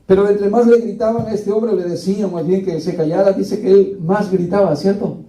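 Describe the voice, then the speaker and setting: High-voiced preacher in an echoey hall. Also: male voice, fairly even intonation, normal speed, dark tone. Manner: rhetorical questions to the congregation, addresses listeners as brothers. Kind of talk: sermon. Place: church hall. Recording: echoey room, distant mic.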